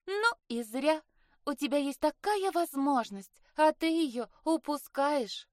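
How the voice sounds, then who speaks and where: A woman's voice: high-pitched, lively intonation, normal speed, no echo, clean studio sound, pitched above the performer's own voice. A woman voicing a teasing, playful young mermaid sister in an audiobook, lilting and needling. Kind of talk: audiobook character voice.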